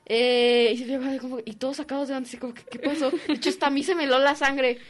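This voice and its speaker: A teenage girl with a Mexican Spanish accent, co-hosting a youth radio show and telling a story in a casual, animated way, acting out the voices. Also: sits high, quick pace. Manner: animated, acts out voices in her story, giggly. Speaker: young radio co-host. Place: radio studio.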